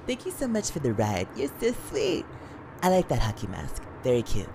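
An amateur actor voicing a sweet, naive, girlish hitchhiker in an animated parody, awkwardly polite. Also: medium pitch, normal speed, noisy background. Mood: sweet, gushing.

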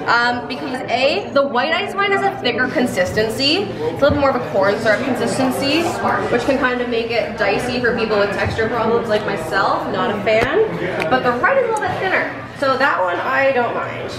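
A woman's voice: a little high, expressive, moderate pace, a loud crowd. Woman tour guide in an echoey cellar. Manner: friendly, explanatory, upbeat. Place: winery cellar and tasting room, indoors. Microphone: vlogger's handheld camera from a distance. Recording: distant echoey cellar with long reverb.

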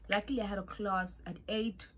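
A young South African woman tells a personal story in an animated, dramatic way, often dropping into whispered asides. Her pitch is middling, and faint noise hums in the background. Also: fairly quick. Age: young adult. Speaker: vlogger. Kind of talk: storytime vlog.

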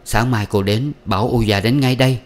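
A man's voice: mid-range voice, fairly even intonation, a little fast, close to an everyday voice. A man reading aloud, voicing a firm, caring eldest brother who speaks in a commanding way.

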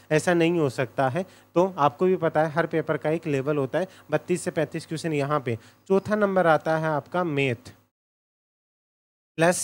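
A man giving a casual exam coaching lecture, direct and repetitive, often checking "okay?". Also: a little high. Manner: direct, repeats points, says "thik hai" often.

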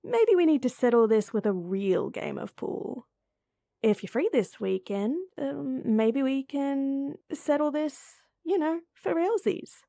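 The voice actress goes high-pitched and expressive with an exaggerated, warm and gravelly voice, taking it slowly. Her character, a young woman hiding a crush, playfully teases her childhood friend in an audio roleplay, shifting between whispered thoughts and banter.

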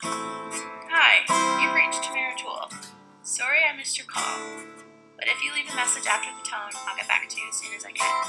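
A woman's voice: high voice, normal speed, gravelly, poor audio. A woman speaking a polite, scripted voicemail greeting. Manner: polite, scripted greeting read over a guitar track. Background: soft guitar music.

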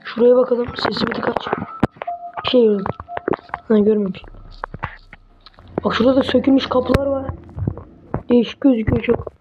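A woman's voice: on the high side, steady tone, moderate pace, long pauses, highs cut off. A woman giving casual commentary on a horror game, muttering to herself and swearing when startled. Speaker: gamer playing a horror game. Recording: noisy home recording.

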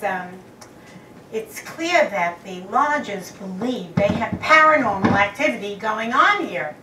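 A woman's voice: mid-range voice, fairly bright tone. An older woman acting a theatrical psychic medium in an amateur stage play, dramatic with gasps and exclamations. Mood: chatty. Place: community hall stage with live audience. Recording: echoey hall from far off, noisy.

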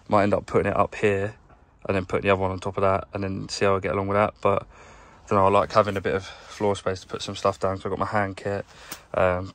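A young man, a plumber, chatting casually to camera in a rambling, low-key way while tidying his van, filmed on a handheld phone. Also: a bit bright, no room sound. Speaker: plumber vlogger. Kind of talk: casual vlog narration while working. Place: inside a work van, outdoors nearby.

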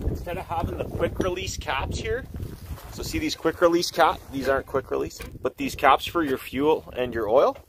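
A man in his forties giving a relaxed, folksy how-to demonstration outdoors in a snowy yard, talking on a camera mic that drifts nearer and farther. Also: fairly high pitch. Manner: relaxed, folksy, thinks aloud with fillers. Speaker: channel host demonstrating chainsaw maintenance. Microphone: camera mic, he moves nearer and farther. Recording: outdoor camera audio with clear background noise.

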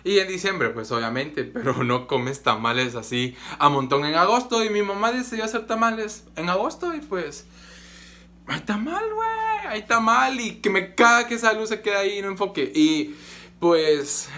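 A man's voice: high voice, animated, normal speed, bright, forceful tone. A young man from Guatemala, chatting casually in a rambling vlog full of fillers and restarts while out and about. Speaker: vlogger. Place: out and about, market and home.

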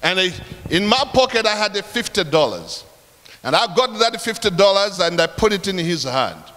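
Bright high-voiced preacher from Africa. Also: male voice, very animated, moderate pace, soft background music. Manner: storytelling, emphatic, addresses the congregation. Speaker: pastor. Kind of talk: sermon. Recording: long hall reverb.

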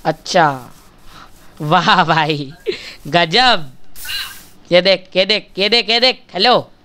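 A man's voice: sits high, slow, bright, forceful tone, a little hiss or hum. A male gaming channel host giving chatty, casual commentary while he plays, talking straight to his viewers and bargaining with them for likes.

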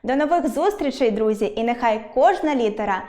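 A woman teacher giving an online school lesson, explaining spelling rules clearly and patiently with examples. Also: a little high, animated, a little fast, warm tone.

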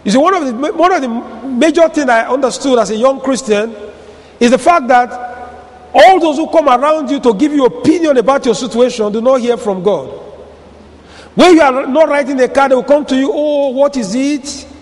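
A man preaching a sermon in a church, stretching out key words and now and then shouting for emphasis. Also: very high voice, a little fast, in a large hall. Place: church hall.

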